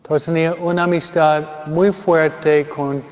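A man giving a funeral homily as a priest, telling a Gospel story in a slow, deliberate way with pauses. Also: fairly high pitch, flat delivery, a little mellow, long reverb tail, highs cut off.

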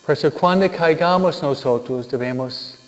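A man's voice: on the high side, normal speed. A male preacher giving a humorous sermon, joking and keeping his audience engaged with tag questions. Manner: jokey, keeps asking the listeners "¿no?". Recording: dull lo-fi recording in a reverberant hall.

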